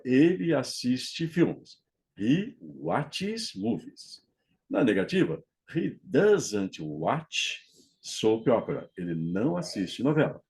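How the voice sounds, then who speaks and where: A man teaching English grammar, modeling English phrases slowly and checking in with frequent "ok?". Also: medium pitch, darkish tone. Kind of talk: explaining English grammar to Portuguese speakers.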